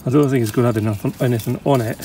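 A man's voice: mid-range voice, steady tone, rapid-fire, background noise. Chatty Scottish man digging outdoors. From Scotland. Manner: chatty, enthusiastic, thinking aloud. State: out of breath at times. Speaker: bottle digger and vlogger. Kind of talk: casual commentary while digging. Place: outdoor dig site.

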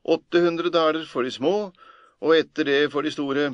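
A man's voice: fairly high pitch, fairly even intonation, dry recording, muffled recording, voice pushed up, close to an everyday voice. A man voicing a greedy older farmer brother who talks in an eager, pushy way.

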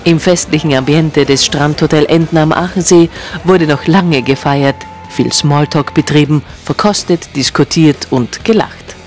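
A man reading a scripted news voice-over in an upbeat, measured tone. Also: a little high. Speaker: news narrator. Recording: narration over music and crowd chatter. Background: music and crowd noise.

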